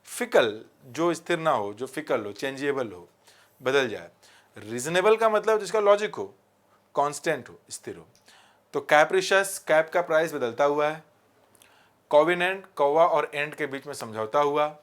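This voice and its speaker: A man teaching vocabulary with memory tricks, asking rhetorical questions and repeating key words slowly. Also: fairly high pitch, a bit bright. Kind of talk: vocabulary lesson with mnemonics.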